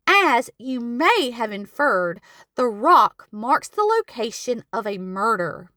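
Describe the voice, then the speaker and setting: For a local history travel video, a woman reads scripted narration in a slow, measured voice-over recorded up close. Her pitch is on the high side and her tone fairly bright, with no room sound at all.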